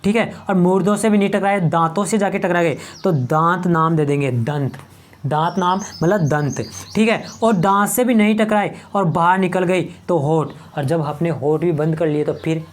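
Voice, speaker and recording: A man from Rajasthan teaching an exam-prep grammar lesson at a board. He asks the class questions, answers them himself, and repeats key terms slowly. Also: high voice. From Rajasthan, India. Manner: slow, drawn-out drilling of words.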